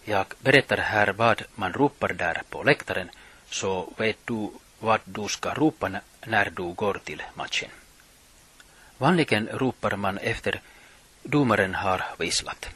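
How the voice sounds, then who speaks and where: A middle-aged man presenting a radio show, reading his script in a measured, plain way. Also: on the low side, bright, forceful tone, husky. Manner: reads from notes, measured and plain.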